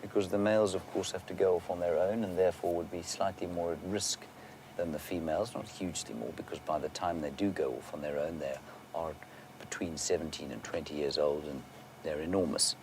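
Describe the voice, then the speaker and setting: Low-voiced guy guiding a live safari, kinda hushed wildlife commentary, outdoor vehicle noise behind him. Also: steady tone, fairly quick. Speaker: safari guide and live wildlife show host. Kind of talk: unscripted live wildlife commentary, answering viewer questions.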